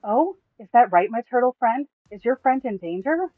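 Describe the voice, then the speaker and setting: Man putting on keen heroic adventurer, high and excited, tinny dry sound. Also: normal speed, dry recording, faint music behind. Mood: eager. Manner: eager, raised, excited. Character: eager brave adventurer rallying the party.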